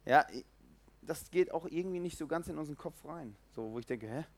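A man preaching an informal sermon, animated, acting out the voices in the stories and swinging between loud and quiet. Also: fairly high pitch, fairly quick, vocal fry. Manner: lively, animated, acts out quoted voices, swings loud and soft.

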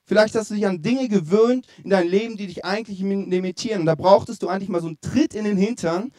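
A young man preaching a sermon in a lively, conversational storytelling way, asking his listeners direct questions. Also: high voice, fast talker.

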